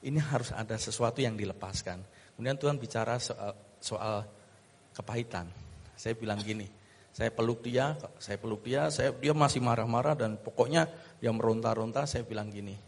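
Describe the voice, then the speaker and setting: A man's voice: medium pitch, moderate pace, vocal fry. Earnest male pastor in a reverberant church. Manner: earnest storytelling, with slips and restarts. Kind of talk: sermon testimony.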